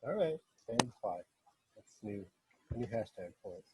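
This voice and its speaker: A man hosting an interview, friendly and quizzing his guest with quick either-or questions. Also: fairly low pitch, lively intonation, very noisy. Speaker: interview host. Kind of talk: casual interview chat.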